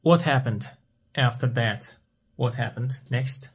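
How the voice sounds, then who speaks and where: A man teaches at a very unhurried pace. His voice is husky and mid-pitched. He asks a question, pauses, and then answers it himself in simple words. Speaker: English teacher. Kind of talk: slow question-and-answer language lesson.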